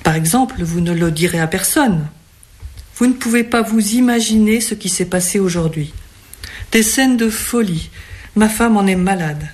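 A reader voicing an anxious woman innkeeper who speaks in hushed, pleading tones. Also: mid-range voice, normal speed, lightly acted. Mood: fretful.

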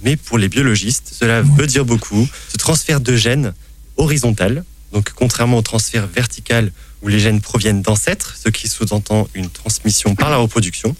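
A man's voice: lowish voice, normal speed. A man hosting a science talk show, explaining botany with a playful quizmaster manner. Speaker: science podcast host. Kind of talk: science chat with quiz.

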